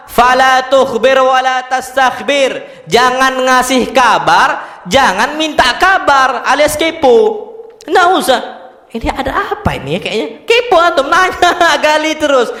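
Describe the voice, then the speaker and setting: A man with an Indonesian accent giving a casual religious lecture, telling animated stories and mixing in Arabic terms. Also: very high voice, measured pace. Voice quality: animated storytelling, mixes Arabic terms, laughs often. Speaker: Islamic preacher. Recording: echoey hall.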